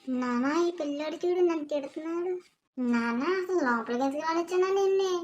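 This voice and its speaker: A man voicing a sharp-tongued young woman in a comic cartoon, scolding and bickering. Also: very high voice, a little fast, highs cut off. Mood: whiny.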